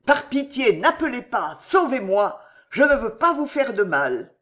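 A man's voice: extremely high pitch, lively intonation, slow pace, pitched above the performer's own voice, full character voice. A reader voicing a desperate young male fugitive who begs for mercy in a raised voice in a storybook reading. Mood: pleading. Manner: raised, begging.

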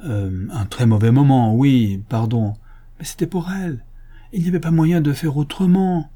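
A man's voice: medium pitch, moderate pace, warm tone, voice pushed up, natural voice. A man reading aloud while voicing a young wife who breathlessly begs her husband's forgiveness. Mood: pleading.

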